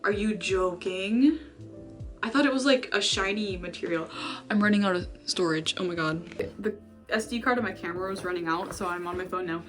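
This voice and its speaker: A woman's voice: on the low side, fast talker, fairly bright tone, faint music behind. A young woman vlogging at home in her bedroom, chatting casually with lots of fillers. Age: young adult. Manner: bubbly, chatty, many "like" fillers. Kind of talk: casual vlog chat.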